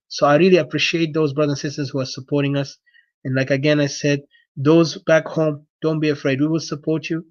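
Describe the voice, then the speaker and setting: A South Sudanese man, not a native English speaker, addresses supporters as an activist in an impassioned, unscripted political speech, earnestly exhorting them and often repeating himself. His voice is fairly high, and the recording is dry and lo-fi.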